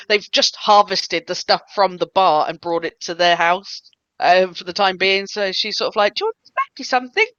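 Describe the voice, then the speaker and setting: A woman's voice: on the low side, a bit bright, no echo, muffled recording. Woman running a tabletop game. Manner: laughing, halting, lots of fillers. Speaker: game master.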